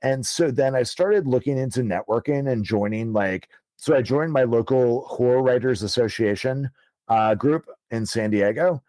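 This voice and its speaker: A man in his thirties, appearing as an author guest in a podcast studio, tells his story in a casual, rambling style full of fillers and easy swearing. His voice is mid-range and mellow at a normal speed, with no room sound.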